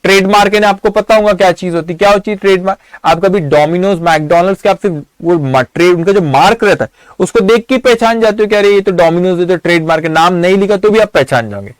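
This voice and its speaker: A man's voice: sits high, fairly quick, clean tone, no room sound. A man teaching accounting in a live online lecture, asking students questions and answering them himself.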